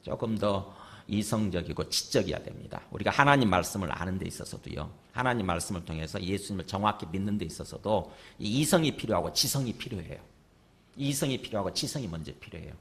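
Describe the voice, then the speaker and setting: A man's voice: low-pitched, expressive, fast, fairly bright tone. A male pastor preaching a sermon in a conversational way, often asking the congregation rhetorical questions. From South Korea.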